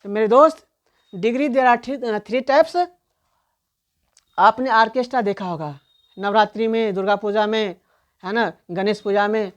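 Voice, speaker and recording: A woman teaching an online English grammar lesson, asking questions and answering them herself, and reading out English examples slowly. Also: mid-range voice. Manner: explains in Hindi, reads English examples slowly.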